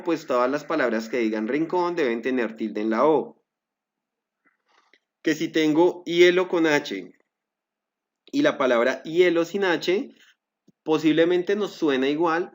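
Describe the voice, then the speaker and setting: A man with a slightly high voice walks viewers through a software lesson step by step. He explains patiently and pauses on fillers, often correcting himself as he goes. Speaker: Excel instructor. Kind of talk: screen-recorded software tutorial.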